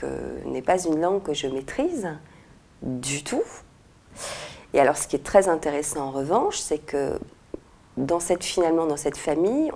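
Seated in an armchair in a red-walled room, a forties-aged author of French and Moroccan background answers interview questions reflectively. Her voice is low and mellow, picked up by a lapel mic, and she pauses thoughtfully to find words, often restarting.

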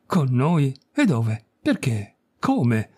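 A man's voice: medium pitch, wildly swooping pitch, drawn-out words, warm tone, slightly rough, heavily acted. A man reading a stammering, nervous young man. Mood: flustered. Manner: stammering and agitated.

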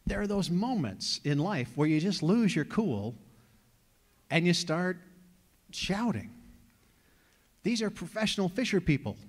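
Joking pastor man in a reverberant hall. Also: medium pitch. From New York. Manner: joking, conversational storytelling. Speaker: lead pastor. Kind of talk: sermon. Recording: long reverb of a large hall.

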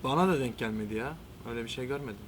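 Young man, rapid casual talk, mid-pitched, laid-back slangy banter, video chat. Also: a crowd in the background. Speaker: host's friend on a video chat.

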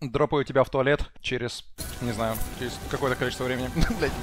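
A man's voice: medium pitch, fast talker, background noise. A man in his thirties chatting casually on a gaming stream, swearing and repeating himself in a self-deprecating way. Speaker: live game streamer. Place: small room indoors. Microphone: headset boom mic.

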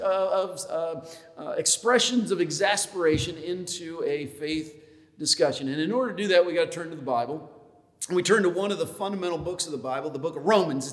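A man's voice: high-pitched, fairly bright tone. A man preaching a folksy sermon as pastor, joking and dropping in lots of fillers. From upstate New York. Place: church sanctuary. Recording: long hall reverb in a church.

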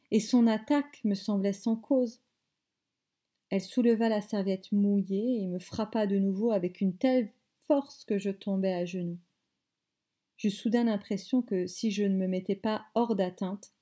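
A woman teacher reading a novel aloud in measured phrases, stopping to explain words. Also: medium pitch, dark tone. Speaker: French teacher.

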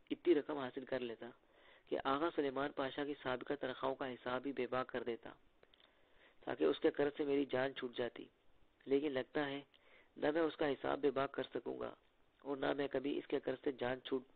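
Bantering young agent, read by a man with a gravelly edge, through a thin phone-like line. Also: mid-range voice. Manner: playful, bantering. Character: joking, teasing young male secret agent. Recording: tinny phone-like lo-fi audio.

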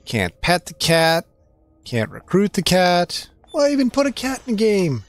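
A man's voice: sits high, wildly swooping pitch, measured pace. A young man giving playful, joking commentary while playing a point-and-click game. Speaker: streamer. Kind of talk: casual gaming commentary.

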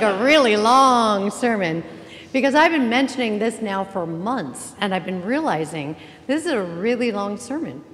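A woman pastor giving an Easter sermon in a church, chatty and joking as she welcomes the congregation. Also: medium pitch. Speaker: interim pastor. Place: church sanctuary. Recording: reverberant church hall, faint ambience.

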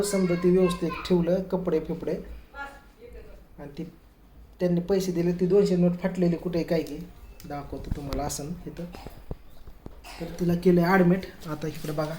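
Speaking to camera in a room that echoes slightly and carries faint ambient noise, a man with a fairly high-pitched voice shares a story casually for his family vlog. His retelling is lively, with the quoted words of others acted out.

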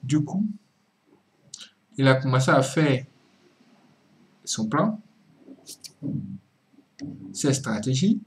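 A man preaching in a video commentary, swinging from emphatic cries down to low murmured asides and repeating words for emphasis. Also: big pitch swings, drawn-out words, long pauses. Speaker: religious commentator.

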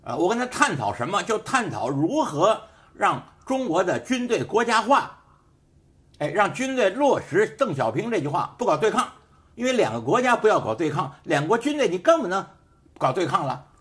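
A man's voice: sits high, big pitch swings, moderate pace, a bit bright. A man who hosts a show and teaches sociology, giving an emphatic, repetitive political commentary full of rhetorical questions in a studio. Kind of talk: casual political commentary monologue.

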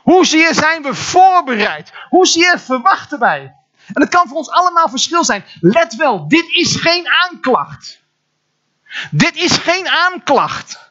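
A man with a Dutch accent preaching a sermon as pastor, animated, with repeated words and sudden exclamations. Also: very high voice, muffled recording. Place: church hall.

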